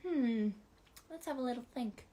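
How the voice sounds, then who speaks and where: A woman playing a sweet, excitable princess, talking to children like a kids show host with sing-song wonder and encouragement. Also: a little high, moderate pace, natural voice. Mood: sweet, excited. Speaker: children's party entertainer. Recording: loud music over the voice. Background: music.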